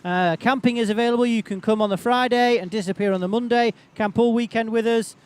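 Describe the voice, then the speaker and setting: High-voiced man, chatty tractor pull announcer. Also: fairly even intonation, quick pace, clear, resonant tone. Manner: chatty, rambling patter. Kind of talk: live unscripted event commentary. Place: outdoors at a tractor pulling event.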